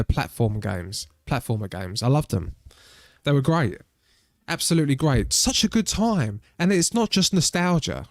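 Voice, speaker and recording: A man's voice: mid-range voice, a little mellow, no room sound, studio quality. Chatty British man streaming games. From Britain. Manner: rambling, chatty, nostalgic. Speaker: game streamer. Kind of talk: casual live-stream chat.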